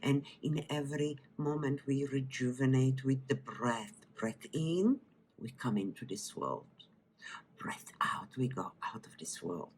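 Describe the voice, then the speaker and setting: A woman from Bulgaria with a Bulgarian accent, a wellness teacher leading a guided breathing meditation and then a cooking demo, speaking softly and often trailing into whispers. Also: a bass voice, a little hiss or hum. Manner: slow, soft-spoken, drifting into whispers.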